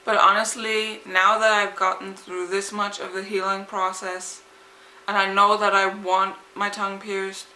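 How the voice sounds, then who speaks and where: Young woman with slightly lisped, bright voice. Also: medium pitch, little pitch movement, measured pace. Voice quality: slightly lisped, impeded articulation from a swollen tongue. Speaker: vlogger. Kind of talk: casual vlog chat, rambling. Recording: echoey, roomy sound.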